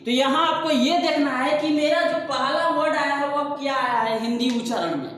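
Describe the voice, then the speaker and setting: A Hindi-accented man leads an English grammar class, asking questions and answering them himself at a moderate pace. His extremely high voice has a fairly bright tone, and the recording is echoey, distant, and faintly hissy.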